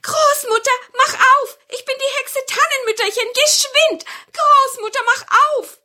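A woman's voice: extremely high pitch, unhurried, bright, forceful tone, voice pushed up, exaggerated voice. A woman voicing a good old female forest witch from a fairy tale, in a squealing, urgent, pleading manner.

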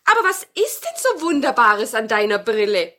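A woman voicing a clever old grandmother from a fairy tale, slow, deliberate and questioning. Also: on the high side, big pitch swings, bright, forceful tone. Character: clever, careful old grandmother in her kitchen.

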